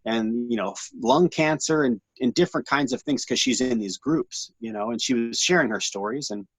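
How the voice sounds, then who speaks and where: A man in his forties telling his story as an interview guest, animated and slangy, rambling with lots of restarts. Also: mid-range voice, normal speed, breathy edge, no room sound. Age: 40s.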